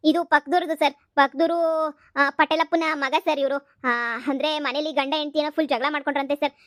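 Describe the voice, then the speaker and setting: A woman voicing a dutiful young constable who reports quickly and eagerly to his boss. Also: sits high, flat delivery, no echo, studio quality, close to an everyday voice. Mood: reporting.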